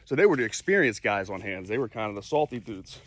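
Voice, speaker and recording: A man's voice: lowish voice, very animated, fast, a little hiss or hum. A man, telling a war story in a casual, profane, rambling way. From Philadelphia, USA. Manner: profane, laid-back, lots of "you know". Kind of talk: casual spoken anecdote.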